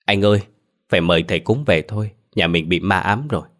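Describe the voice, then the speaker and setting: A man's voice: sits low, a little fast, fairly bright tone. A man voicing a frightened young mother who pleads through tears in a horror story. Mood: frightened pleading. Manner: desperate, sobbing pleas.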